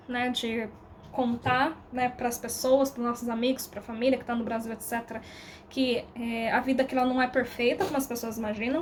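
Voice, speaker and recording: A woman's voice: high voice, a little hiss or hum. A Brazilian woman in her thirties with a Brazilian Portuguese accent, vlogging in a candid, rambling way, with slang and loose fillers. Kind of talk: casual reflective monologue to camera.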